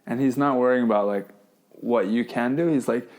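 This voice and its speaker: A man's voice: mid-range voice, normal speed, a little mellow. Laid-back laughing podcast host, a man. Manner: laid-back, laughing, acts out quotes of others. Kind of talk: casual podcast interview.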